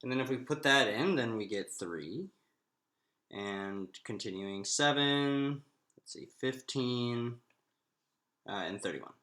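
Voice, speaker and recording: In a roomy, echoing space, a male math lecturer gives an informal lecture, working through a derivation aloud. His pitch shifts in a lively way, and his delivery is halting, with long pauses between phrases.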